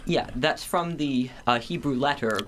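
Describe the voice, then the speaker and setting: A young man, a student, reading his own short story aloud at a measured, steady pace. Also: medium pitch, a little hiss or hum. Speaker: student author.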